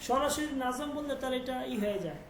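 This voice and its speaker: A woman teaching a language class, patiently repeating words slowly for her students. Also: on the high side, lively intonation. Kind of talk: online class lesson. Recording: echoey room with background noise.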